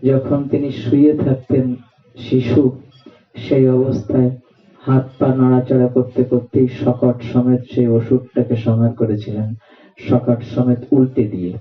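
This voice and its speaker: A man's voice: medium pitch, level tone, a little slow. A man giving a devotional scripture discourse to a gathering, telling stories, acting out quotes and chanting verses. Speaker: scripture reciter and preacher. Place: night gathering in an open courtyard. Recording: roomy, distant, dull sound.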